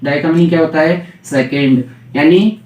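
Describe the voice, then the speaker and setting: A man teaches vocabulary with a Hindi accent, drilling each word by asking it again and again. His voice sits high for a man. The recording is roomy and echoey, with the mic placed a little away from him. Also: moderate pace, darkish tone. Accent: Hindi-accented English. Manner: repeats questions and has students echo answers. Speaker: English teacher. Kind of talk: classroom vocabulary lesson. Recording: echoey room, mic at a distance.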